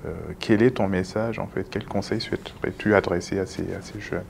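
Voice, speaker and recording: Host interviewer, man with a very deep, gravelly voice; pauses and restarts while framing questions. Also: steady tone, slight background noise. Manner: halting, repeats words as he searches for a question.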